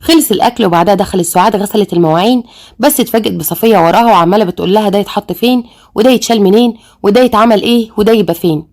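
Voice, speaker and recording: A woman storyteller with an Egyptian accent, narrating in a brisk, chatty way. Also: mid-range voice, darkish tone.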